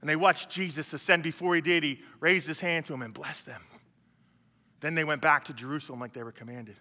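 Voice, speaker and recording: A man's voice: on the high side, fairly even intonation, a little fast, bright, forceful tone, big-room sound. A male pastor preaching a sermon in a conversational way, retelling scripture scenes with frequent restarts. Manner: conversational, acts out biblical scenes, many restarts.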